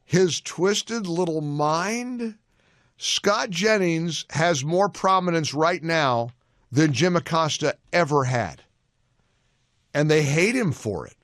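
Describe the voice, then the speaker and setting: A man hosting a talk radio show, telling an anecdote as an animated storyteller in a studio. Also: on the high side, takes it slowly, dry recording.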